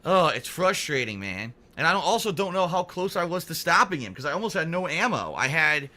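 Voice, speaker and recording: A man giving excitable, exasperated, sweary running commentary as he plays a video game. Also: fairly high pitch, a little fast. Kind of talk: gameplay commentary. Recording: music behind the voice. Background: music.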